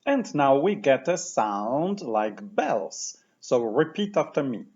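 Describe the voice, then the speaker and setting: A man teaching pronunciation patiently, saying each word slowly and repeating it for the listener to copy. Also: mid-range voice, big pitch swings, darkish tone, dull audio. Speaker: language teacher. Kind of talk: slow, clear pronunciation lesson.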